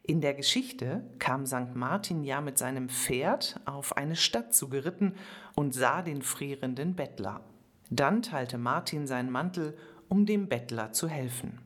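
A woman with a notably low voice narrates a children's story. Her reading is calm and expressive, in a scripted storytelling style. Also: a little slow.

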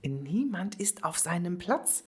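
A brisk, sensible schoolgirl, as a woman puts her on for a storybook, with a lightly raised voice. She speaks quickly and directly. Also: lowish voice, big pitch swings, voice pushed up. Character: sensible eager older schoolgirl.

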